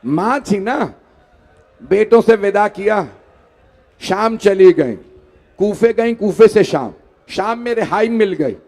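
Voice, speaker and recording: A man's voice: high voice, animated, takes it slowly, pauses often, a little mellow. A man reciting a mournful religious sermon, pleading with the gathering and rising into wailing lament. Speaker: majlis orator. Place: mosque hall.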